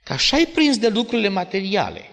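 A male preacher giving a sermon in a church hall, in an animated storytelling style with dramatic swings. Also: high voice, creaky. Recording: long church-hall reverb.

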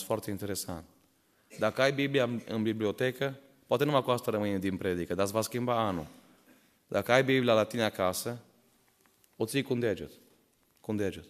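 A man's voice: medium pitch, big-room sound. A man preaching a sermon to his congregation, asking many rhetorical questions and telling stories in which he voices the characters. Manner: tells stories and voices the people in them. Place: church hall.

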